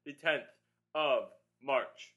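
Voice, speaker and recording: A man's voice: mid-range voice, drawn-out words, fairly bright tone, muffled recording. A young adult man co-hosting a fitness podcast, telling a long rambling story with lots of filler in a casual chat. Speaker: podcast co-host and Pilates instructor.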